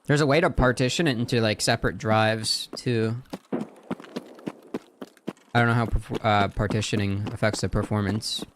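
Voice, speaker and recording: A man's voice: fairly low pitch, fairly even intonation, normal speed, pauses often, noisy background. A man talking casually as a livestream host, in a slangy, profane frat-bro manner.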